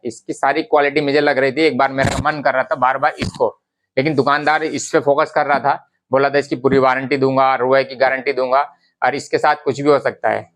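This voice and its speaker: A man with a voice on the high side and a fairly bright tone gives a casual, to-camera explanation of fabric quality. As a garment business vlogger, he chats repetitively, restating his points and calling viewers brothers.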